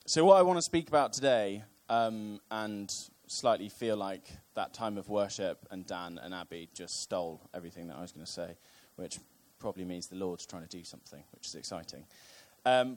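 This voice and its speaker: A young man gives a relaxed sermon, his voice sitting a little low. He hesitates often with ums and slips in wry asides as he goes. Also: moderate pace, hardly any pauses. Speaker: preacher on the church team. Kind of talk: casual sermon.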